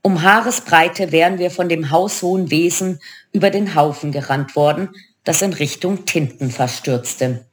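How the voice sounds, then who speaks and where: Woman, audiobook narrator, first-person story, lowish pitch, expressive. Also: moderate pace. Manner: lively, expressive reading.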